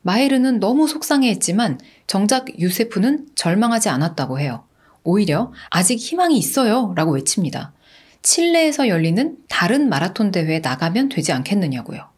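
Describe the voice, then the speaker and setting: Lively Korean true-crime storyteller woman. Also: medium pitch, normal speed, breathy edge. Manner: chatty, asks listeners rhetorical questions.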